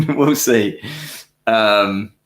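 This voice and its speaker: A man's voice: on the low side, very slow, a bit bright, roomy sound. A man hosting a casual live question-and-answer stream, rambling and correcting himself, with frequent chuckles. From New Zealand. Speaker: livestream host answering viewer questions. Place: home studio.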